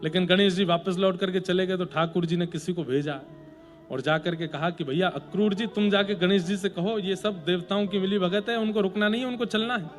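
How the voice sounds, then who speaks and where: A man's voice: high voice, brisk, faint music behind. A man preaching a devotional sermon as a storyteller, playful with joking asides.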